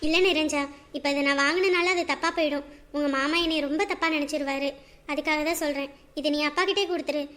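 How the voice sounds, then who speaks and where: A caring young wife in a home drama, played by a woman, with a very high, ringing voice that talks softly and soothes the people around her. her tone is clear and bright, and she sounds patient and devoted. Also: steady tone, quick pace. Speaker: actor. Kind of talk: web drama acting.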